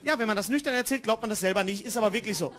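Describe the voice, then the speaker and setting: A woman's voice: mid-range voice, racing. A woman doing chatty stand-up comedy, talking straight to the audience.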